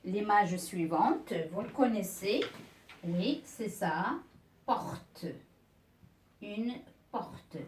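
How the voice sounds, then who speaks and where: A woman's voice: medium pitch, expressive, extremely slow, long pauses, far from the mic, a little hiss or hum. A woman teacher giving a beginners' reading lesson, patiently repeating words and syllables one by one. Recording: echoey room, voice off-mic.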